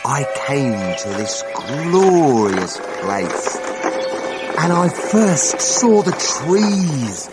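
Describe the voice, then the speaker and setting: Man voicing the old Once-ler, wildly expressive. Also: on the high side, drawn-out words, exaggerated voice. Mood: excited, wondering. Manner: stretches words with relish. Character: old reclusive Onceler, secretive, theatrical, wistful storyteller. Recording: audiobook cassette with music behind.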